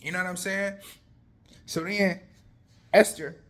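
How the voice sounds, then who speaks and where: A man casually retelling a Bible story, animated and conversational, full of slang. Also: high-pitched, a little slow.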